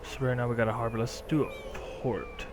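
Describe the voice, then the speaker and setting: A young man hosting a gaming channel muses aloud while clicking through a game, giving casual gameplay commentary. His voice is medium-pitched and fairly quick, with a noisy background and game music behind.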